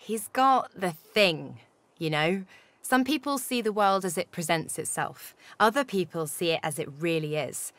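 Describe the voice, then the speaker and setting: Wry, easygoing wandering musician. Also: female voice, lowish voice, animated, a little slow, a bit bright, dry recording. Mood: wry, fond. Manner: casual, conversational, reflective. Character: wry, easygoing female musician haunted by inner spirits. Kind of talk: video game companion dialogue.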